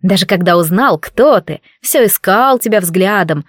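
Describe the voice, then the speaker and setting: A woman's voice: mid-range voice, expressive, unhurried, dry recording, studio quality. A woman voicing a spiteful, jealous young maid who talks in a venomous, mocking hiss. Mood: gloating.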